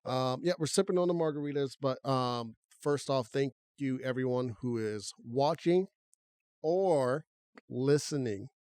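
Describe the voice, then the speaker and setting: Male podcast co-host, mid-pitch, casual and conversational, close dry mic. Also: unhurried, clean tone, no room sound. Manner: relaxed, conversational, talks through restarts.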